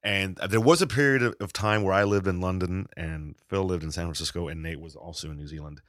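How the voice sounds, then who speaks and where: A middle-aged Argentine touring musician appears as a podcast guest, speaking low and briskly in a laid-back, casual way. He swears freely and keeps restarting his sentences, rambling along. The studio sound is clean, with no room tone.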